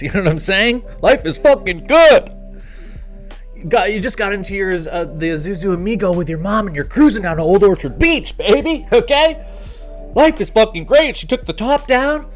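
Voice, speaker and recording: Excitable, foul-mouthed comic storyteller man. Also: sits high. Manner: excitable, crude, rambling asides. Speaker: comedy vlogger.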